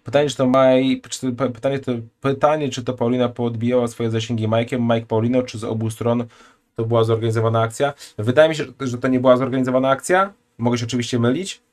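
A man's voice: medium pitch, fairly even intonation, fast talker. Blunt, crude-talking male streamer. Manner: blunt, crude, chatty, reads donations aloud. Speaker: streamer reacting to a video. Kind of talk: casual live-stream commentary. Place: home streaming room.

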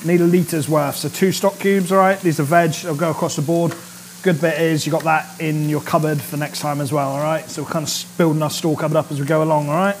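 In a studio kitchen, a man in his thirties leads a laid-back cooking demo, chatting cheerfully and repeatedly checking in with "all right?" while food fries in the pan. His pitch is fairly high, his intonation fairly even, and his pace fairly quick. Slight background noise is present.

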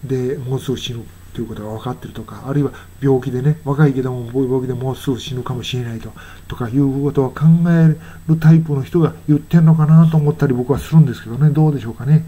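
An older Japanese man explaining song lyrics and English pronunciation in a musing, self-correcting way, sounding lines out slowly. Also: medium pitch, mellow, muffled recording. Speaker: English teacher.

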